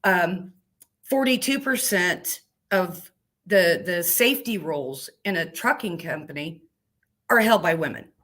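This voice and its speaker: A woman's voice: fairly low pitch, lively intonation, measured pace, a bit bright. A woman truck driver talking as an interview guest, plainspoken and emphatic in a folksy, casual way.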